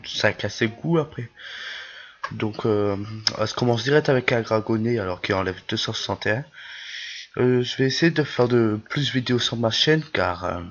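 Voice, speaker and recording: A man with a lisp and slushy s sounds gives casual game commentary, hesitant, searching for words and repeating himself. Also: fairly low pitch. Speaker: YouTube gameplay host. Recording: dull lo-fi microphone.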